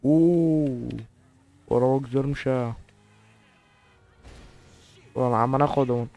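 A man's voice: mid-range voice, slow, warm tone. A man giving crude, joking let's play commentary, swearing often and sounding baffled by what he plays. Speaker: gamer.

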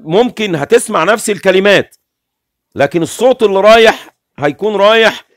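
Animated and always gesturing, a middle-aged livestream host with an Egyptian Arabic accent rushes through an explanation as if laying out a plan, speaking indoors from a small room with curtains. His slightly high voice comes through dry and close, without any room sound at all.

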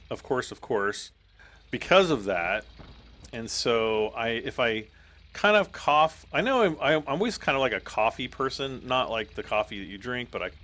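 A gaming YouTuber gives casual, rambling commentary as he plays, frequently clearing his throat. His hoarse, mid-range voice sounds pushed and bright.

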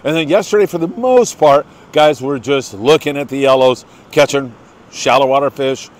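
Speaking at normal speed in a mid-range voice, an older American man runs a laid-back fishing report. His manner is folksy, chatty and full of enthusiasm, and he congratulates people by name.

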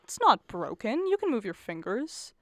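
An actress playing a brisk, unimpressed middle-aged mother in a radio play, dry and matter-of-fact. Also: fairly high pitch, sing-song, a bit bright, dry recording.

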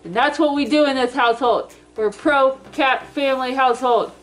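A woman's voice: high voice, faint music behind. Woman muffled inside a costume head. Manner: chatty, self-narrating, unhurried. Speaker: vlogger. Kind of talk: casual chat while baking. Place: home kitchen.

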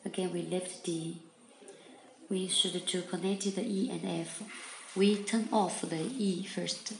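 Speaking English as a second language, a woman demonstrates a product step by step at a slow pace, using simple, halting phrases and repeating her instructions. Her voice is fairly low and steady with vocal fry, and the echoey room carries some background noise.

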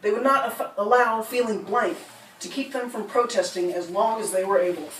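A distant camera records a middle-aged poet from the United States reading at a standing mic in a bookstore's reading room, where the sound is roomy and a faint hum lingers. She speaks at a moderate pace and a middle pitch. Her spoken word delivery rhymes and rolls rhythmically, with small laughs between poems.

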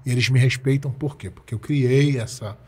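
A man's voice: mid-range voice, normal speed, warm tone, slightly rough. A Brazilian man in his forties, a jiu-jitsu coach telling stories in a casual interview, emphatic and repeating his points with slangy speech. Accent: Brazilian Portuguese.

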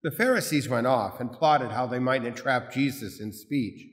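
A man, a priest, reading the gospel and preaching in a measured, formal way, his voice carrying a cathedral echo in a large church. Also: mid-range voice. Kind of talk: proclaiming the gospel and preaching a homily. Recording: long echoey hall reverb from a big church.

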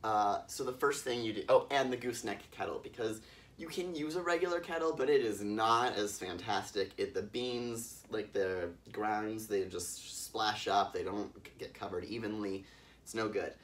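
A man's voice: fairly low pitch, normal speed, fairly bright tone, recorded from a distance. A man hosting a casual coffee-making vlog in a yurt, explaining in an easygoing, wordy way. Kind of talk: casual chatty demonstration. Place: yurt in the mountains.

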